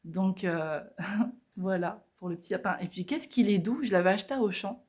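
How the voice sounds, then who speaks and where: A woman's voice: medium pitch, normal speed, darkish tone. A woman vlogger talking casually through her art journal pages at home, chatty and hesitant, with many fillers.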